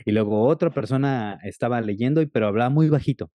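A man talks fast and with animation as a podcast guest. His voice is dark and mellow, recorded close and dry with no room sound. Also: mid-range voice, dry recording. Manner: fast-talking, animated storyteller. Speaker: guest, content creator on attention deficit. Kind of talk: casual interview chat.

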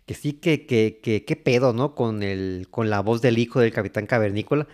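A man with a Mexican accent giving casual, rambling commentary, halting and repeating words. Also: fairly low pitch, a little mellow. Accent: Mexican Spanish. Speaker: host. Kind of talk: casual commentary on old cartoons.

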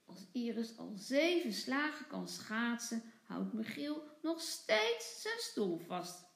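Slow, lilting woman reading a storybook. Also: on the high side, vocal fry, roomy sound. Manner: expressive, sing-song. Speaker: teacher reading aloud.

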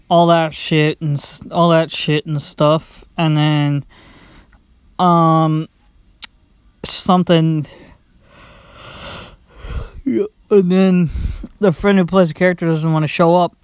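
A young man with a higher-pitched, clean voice hosts his own laid-back podcast while sitting indoors at home. The studio-quality audio has no echo, and he rambles along with plenty of fillers, restarts and "blah, blah, blah."

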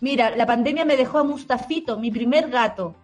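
A woman's voice: on the high side, brisk, soft background music. A Chilean woman co-hosting a podcast, telling stories in casual, slangy chat and laughing often. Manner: chatty storyteller, slangy and laughing. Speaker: podcast co-host.

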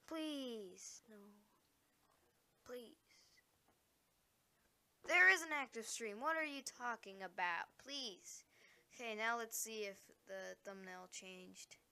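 A woman hosting a casual solo podcast, rambling and distracted, breaking into excited exclamations. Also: a little high, slow, pauses often, clean tone. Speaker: podcast host.

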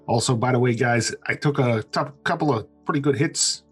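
A man's voice: medium pitch, fairly quick, soft background music. A man playing in a tabletop game, chatting casually and joking with the group. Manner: joking, laughs often. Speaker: player.

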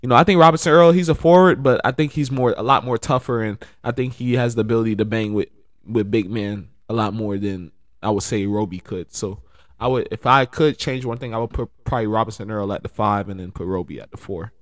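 A man in casual sports chat, rambling and relaxed, with lots of fillers and bursts of excited laughter. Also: on the low side, a little fast, no echo, clean studio sound.

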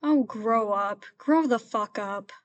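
Woman as a high, bossy rat intern, dull audio. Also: takes it slowly. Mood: exasperated. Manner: blunt, bossy. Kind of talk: comedy script read aloud.

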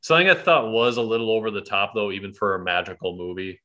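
A man hosting a casual film podcast, talking animatedly, swearing and mimicking characters in quick asides. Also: on the low side, sharp tone. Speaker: podcast host. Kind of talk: casual movie chat.

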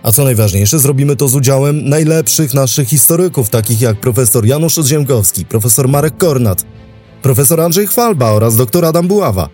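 A man hosts a history podcast, reading scripted documentary narration in a measured, dramatic storytelling style. His mid-range voice is expressive and warm, with soft music playing in the background.

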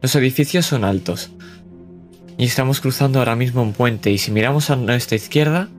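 A man narrating as game master, calmly describing a new scene, with soft music behind. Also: medium pitch, a little fast. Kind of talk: scripted scene-setting narration.

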